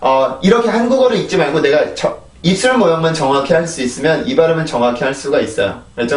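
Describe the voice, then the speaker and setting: A man's voice: a little high, far from the mic. Korean man teaching pronunciation, echoey room. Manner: explains patiently, drills words by repeating them slowly. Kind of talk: casual spoken lesson. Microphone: desk microphone, phone camera.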